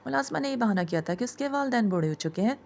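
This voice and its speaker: Gravelly-voiced woman telling a story. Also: fairly high pitch, expressive, a little mellow, slight background noise. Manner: emotional, conversational retelling with frequent repetitions. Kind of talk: casual first-person storytelling.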